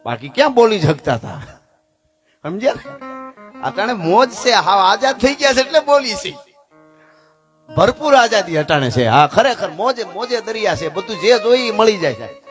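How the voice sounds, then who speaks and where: Man, folk storyteller, lively and chatty, high voice, faint music behind. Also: normal speed, long pauses. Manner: lively, conversational, jokes and asides. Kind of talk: folk storytelling to a live audience.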